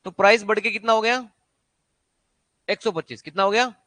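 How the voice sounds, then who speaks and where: Male maths teacher, exam coaching; high, bright voice, dry close sound, drills students with quick check-questions. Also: no room sound. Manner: quizzing students with repeated rhetorical questions. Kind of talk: exam-prep maths lesson.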